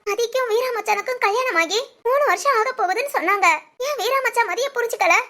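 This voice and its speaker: A hurt young wife with a very high, thin voice, crying as she speaks. She talks in a plaintive, complaining way, and sobs break through her lines. This is cartoon family-drama voice acting. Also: fast talker, sharp tone. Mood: upset, pleading. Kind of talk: animated family story voice acting.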